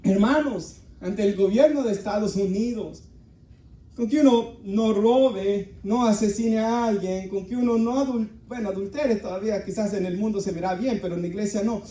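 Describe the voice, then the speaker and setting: A man's voice: high-pitched, moderate pace, warm tone. A male pastor preaching earnestly to his congregation, speaking. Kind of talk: sermon. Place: church hall. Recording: echoey room, voice from far off.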